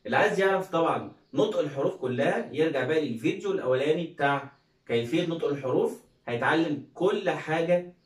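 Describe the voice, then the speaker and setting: A man with an Egyptian Arabic accent leads an English phonics lesson in a fairly high voice. He calls out each word loudly and coaxes learners to say it with him. He sits back from the mic in a roomy, echoing space. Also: far from the mic. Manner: repeats words loudly, coaxing viewers to say them along. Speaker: English teacher.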